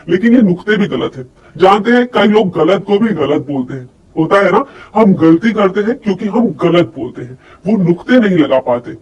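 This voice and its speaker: A voice and personality development coach, a woman with a medium-pitched, slightly mellow voice, teaches a lesson by speaking straight to her listeners. She demonstrates points and poses rhetorical questions to them. The microphone sits at a distance, and there's faint background noise.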